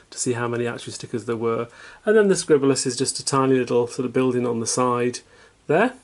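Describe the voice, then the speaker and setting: A man's voice: medium pitch, darkish tone. Chatty British man reviewing a toy set. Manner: chatty, unhurried, self-deprecating. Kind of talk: casual product review. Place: home, at a tabletop.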